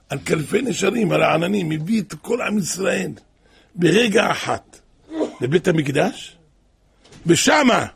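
A male preacher delivers a sermon in a raspy, husky voice with a gravelly edge. He is impassioned, dropping to near hushes and then rising to cry out. His voice sits high for a man. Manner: impassioned, swings from hushed to crying out.

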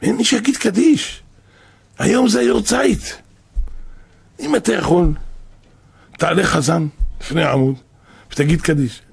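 A man voicing a dead father who pleads with his son in a dream. His voice is husky and raised. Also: high-pitched, pauses often, exaggerated voice. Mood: pleading.

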